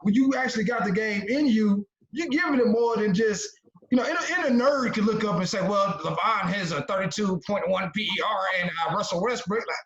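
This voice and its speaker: A man's voice: sits high, a little fast, a bit bright, dull audio. Slangy man in his thirties, echoey. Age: 30s. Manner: slangy, persuasive. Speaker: podcast co-host. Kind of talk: casual sports talk. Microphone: video call.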